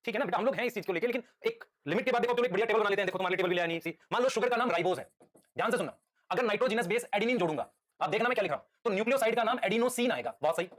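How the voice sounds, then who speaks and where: High-pitched and a bit bright, a male teacher's voice leads a live lecture in which he patiently quizzes students with fast, repeated questions, calling them "beta."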